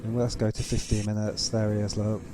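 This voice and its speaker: A man's voice: lowish voice, monotone, a little fast, music in the background, poor audio. A man hosting a reaction video, giving casual, conversational commentary and explaining things as he goes. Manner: explanatory, conversational, with tag questions.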